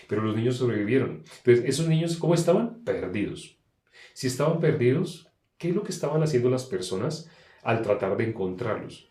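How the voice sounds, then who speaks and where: Emphatic man preaching in an echoey room. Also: on the low side. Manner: emphatic, asks and answers own questions, swings between loud and soft. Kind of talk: sermon.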